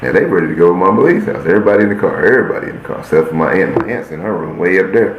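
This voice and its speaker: A man's voice: low voice, racing, highs cut off. A man hosting a podcast, telling a story in a casual way, often turning to his listeners with "y'all" and acting out the scenes as he goes. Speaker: podcast host. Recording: roomy echo, faint hiss.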